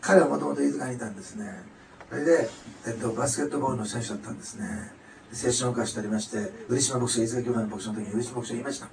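A man preaching a sermon, animated and emphatic, swinging between loud declarations and soft asides. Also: mid-range voice, very fast, creaky, far from the mic. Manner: animated, rising to loud emphatic passages then dropping soft. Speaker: pastor. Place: church hall. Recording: echoey hall, mic some way off.

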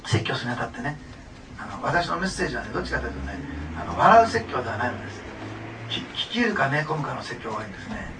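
A pastor with a mid-range voice preaches very fast, his pitch swinging widely. He addresses the congregation conversationally, laughing frequently and posing questions. Background noise is clear on this distant-mic recording.

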